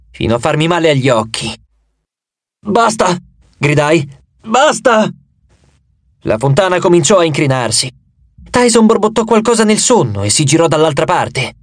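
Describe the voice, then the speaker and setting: A man narrating an audiobook in an expressive first-person storytelling manner. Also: fairly high pitch, no room sound.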